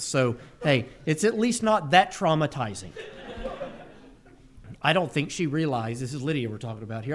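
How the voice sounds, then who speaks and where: A middle-aged man preaching a sermon, telling stories with energy and repeating key phrases for emphasis. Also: high-pitched. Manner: animated storytelling, emphatic repetition.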